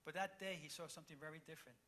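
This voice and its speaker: Pastor, male, from Chile, sermon delivery that shifts between loud and hushed, bright tone. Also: on the high side, steady tone, racing. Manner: reads scripture aloud then explains it, swings between loud and hushed.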